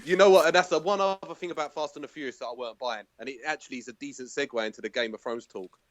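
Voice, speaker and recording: A man's voice: mid-range voice, rapid-fire, a bit bright, muffled recording. A man with a London accent, a guest on a podcast, chatting casually, laughing often and restarting his sentences. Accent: London English. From London, England. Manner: laughing, easygoing banter with restarts. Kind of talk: casual chat.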